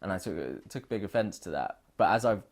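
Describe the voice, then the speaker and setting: Man, British, very low voice, earnest, reflective, oral history interviewee. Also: animated, fairly quick. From United Kingdom. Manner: earnest, reflective, thinking aloud with restarts.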